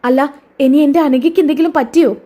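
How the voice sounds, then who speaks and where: A woman voicing an anxious young woman friend who pleads and asks urgent questions in a raised, high voice. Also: steady tone, fast, dark tone, lightly acted. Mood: distressed.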